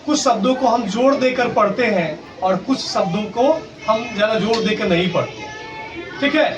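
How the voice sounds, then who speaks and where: A male schoolteacher gives a grammar lesson at a moderate pace, his voice sitting high. He works through it step by step, poses questions and answers them himself, and spells words letter by letter. It's a distant recording from a school classroom, with clear background noise.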